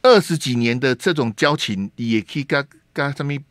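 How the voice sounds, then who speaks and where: This radio talk show host, a man with a Taiwanese Mandarin accent, has a medium-pitched, fairly bright voice with lively intonation at a normal speed. Using a studio microphone, he offers forceful political opinions, asks rhetorical questions, and slips in Hokkien terms. The studio recording is clean, with no room sound.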